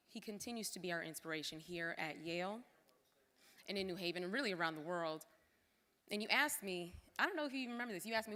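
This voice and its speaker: A woman's voice: fairly low pitch, sharp tone. Heartfelt woman speaking in a reverberant hall. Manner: heartfelt, informal asides to the crowd. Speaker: former cultural center director giving a thank-you speech. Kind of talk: emotional gala speech. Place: large hall at a formal gala.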